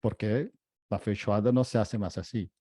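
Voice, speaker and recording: Low, mellow man with Brazilian accent. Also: moderate pace, breathy edge, no room sound, studio quality. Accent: Brazilian Portuguese. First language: Portuguese. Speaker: interpreter and panel co-host. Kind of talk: casual panel discussion.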